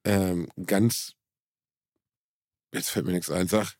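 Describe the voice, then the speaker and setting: A man's voice: deep voice, steady tone, slow, a little mellow, dry recording, studio quality. A man in casual podcast chat, chiming in with wry quips and questions. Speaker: podcast co-host.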